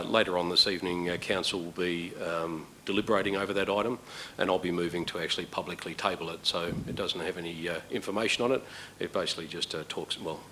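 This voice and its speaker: A man chairing a council meeting as mayor, answering questions in a measured, hesitant way with many fillers. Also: deep voice, sharp tone, slight background noise.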